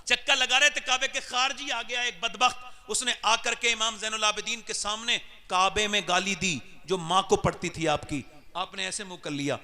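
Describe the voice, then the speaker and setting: Male preacher, high bright voice, reverberant hall, swings from hushed storytelling to shouting. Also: steady tone, normal speed. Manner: builds from soft storytelling to shouted climaxes, coaxes crowd responses. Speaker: Islamic preacher. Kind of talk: religious sermon with storytelling. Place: large gathering with crowd.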